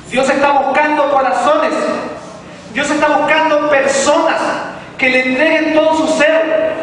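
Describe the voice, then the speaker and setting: A man from Chile delivering a fervent sermon with a strikingly high voice. He stretches out the important words. He is heard from far off in a big church hall with a long reverb and audible background hiss. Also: fairly bright tone. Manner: fervent preaching, stretching key words slowly. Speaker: preacher. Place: large echoing church hall. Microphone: distant room mic. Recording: echoey hall recorded from far off. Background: room ambience and noise.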